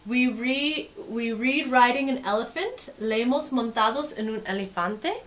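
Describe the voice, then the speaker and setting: Here a woman shares a picture book in two languages, reading with feeling and speaking more gently during her offhand remarks. Her pitch is fairly high and her delivery unhurried.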